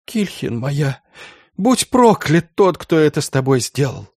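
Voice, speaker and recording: A man voicing a grief-stricken old village elder who wails and sobs in a high strained voice. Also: very animated, unhurried, no room sound, studio quality, exaggerated voice. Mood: wailing grief. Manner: high sobbing wails, shouting.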